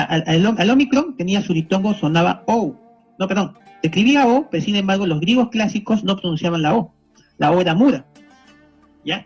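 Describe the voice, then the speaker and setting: A man's voice: sits high, breathy edge. A man teaching a class, explaining patiently and checking in with listeners after nearly every point. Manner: didactic, constantly checking in with the audience. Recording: dull lo-fi video audio.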